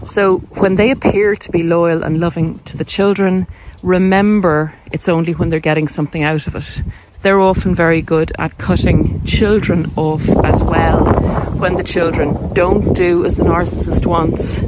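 Her voice is on the low side, fairly even in intonation and at normal speed. As a podcast host she poses questions and answers them in an informal, conversational explanation, with clicks and heavy vehicle and wind noise in the background.

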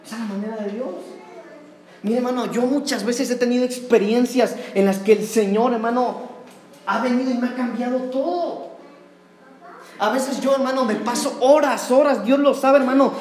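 A man's voice: very high voice, normal speed, a little mellow. A man preaching a fervent sermon in a church, calling his listeners "brother" again and again. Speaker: pastor. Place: church sanctuary. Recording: roomy church echo.

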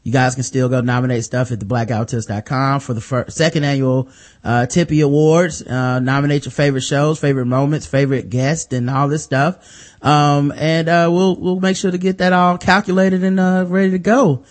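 Chill american guy hosting a podcast, kinda higher voice, lots of ums. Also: little pitch movement, moderate pace. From United States. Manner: laid-back, lots of ums and uhs. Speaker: podcast host. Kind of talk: casual chat.

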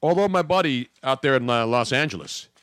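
A man's voice: mid-range voice, brisk, smooth, no echo, clean studio sound. A man hosting a sports radio talk show, joking and ranting in casual banter with his co-host. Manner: brash, joking, animated rants.

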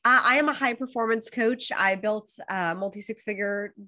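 A woman in her thirties from Los Angeles, USA, with an American accent, speaks at a moderate pace in a medium-pitched voice that sounds pushed and bright. She's a high performance coach appearing as a guest in a casual interview, getting over a cold. She talks fluently and upbeat, though she often restarts phrases.

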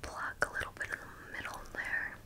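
A woman whispering close to the mic as a beautician, softly repeating words while she works. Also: normal speed. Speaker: beautician in a roleplay. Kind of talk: ASMR roleplay.

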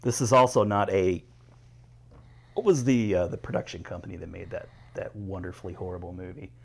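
A man's voice: sits low, a little fast, gravelly, husky. A man co-hosting a podcast, rambling through stories and laughing often in casual banter. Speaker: podcast co-host.

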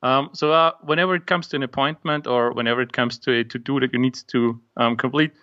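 A man's voice: medium pitch, steady tone, fast talker, muffled recording. A young man with an Austrian accent, a native German speaker, hesitantly describing his app in an interview over a call from his home office. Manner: hesitant, many ums. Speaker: guest, app maker. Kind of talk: casual interview. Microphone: remote call.

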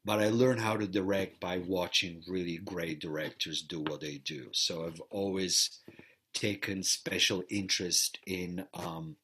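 His voice is low, steady and unhurried, fairly bright yet slightly rough: a middle-aged Bulgarian actor and theater teacher giving a reflective interview. Restarts are common, with words often repeated.

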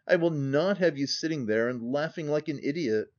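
A man's voice: a little high, animated, normal speed, dull audio, lightly acted. Man doing Hattersley, a drunken bully. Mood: raging. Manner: loud, harsh, barking commands.

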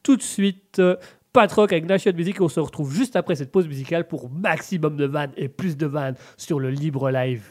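Hosting a live radio and Twitch show while he has a cold, an upbeat man reads out viewers' chat comments, restarting often. His voice is a little high, a little fast, and congested and stuffy.

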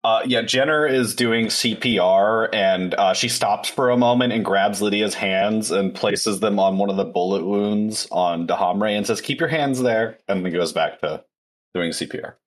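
A man's voice: on the low side, normal speed. A man playing a tabletop game, stating his actions in a terse, matter-of-fact way. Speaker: player. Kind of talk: casual tabletop play.

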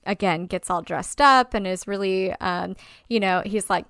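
A woman chatting casually about a film, animated and blunt, swearing freely and mimicking characters' lines. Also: medium pitch, normal speed, clear, resonant tone, no room sound, studio quality.

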